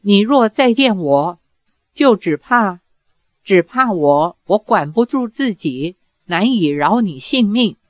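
Brief: soft, trembling young swordswoman, read by a woman, slow and unhurried, dry close sound. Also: mid-range voice, expressive, no echo, natural voice. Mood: sorrowful. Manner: soft, tremulous, reproachful. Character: aloof, emotional young swordswoman mistress. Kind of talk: audiobook character reading.

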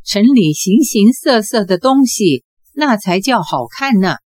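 A woman's voice: medium pitch, animated, unhurried, a little mellow, no room sound. A woman voicing a cheeky, glib teenage boy in an audiobook, in a playful, wheedling manner. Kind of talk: audiobook character voice.

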